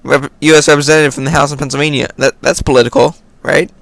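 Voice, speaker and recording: An American video host runs a casual Q&A vlog, reading viewer questions aloud and answering offhandedly. His voice is a little high and gravelly with a slightly bright edge, and he talks fast with little pitch movement.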